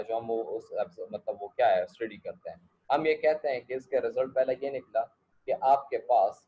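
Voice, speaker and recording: This male lecturer from Pakistan has a mid-range, slightly rough voice. He teaches a class, mixing in English asides and frequently making sure students keep up, and the audio is dull and lo-fi.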